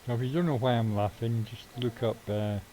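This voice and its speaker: Middle-aged streamer, mellow tone, rambling and offhand, swears casually. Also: male voice, mid-range voice, a little fast, poor audio. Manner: rambling, swears casually, chuckles at own jokes. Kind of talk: casual live-stream chat while gaming.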